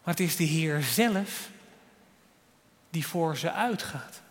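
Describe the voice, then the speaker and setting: A man delivers a sermon with a fairly high, unhurried voice. He leans hard on key words, then drops to a quiet, soft tone. The long reverb of a church hall trails after each phrase. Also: animated. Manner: earnest preaching, swings between loud emphasis and soft quiet lines. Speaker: preacher.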